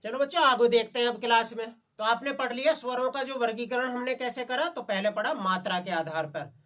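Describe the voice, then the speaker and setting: A man's voice: very high-pitched, a bit bright, far from the mic. A male Hindi teacher giving an exam-prep class, asking the students questions and answering them himself. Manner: coaxing, repeats "समझ गए बच्चे?".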